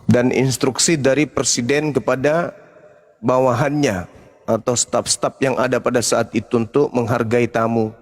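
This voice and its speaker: A man's voice: medium pitch, steady tone, unhurried. A man arguing hard in a live debate, combative and mocking, his voice rising when pressed.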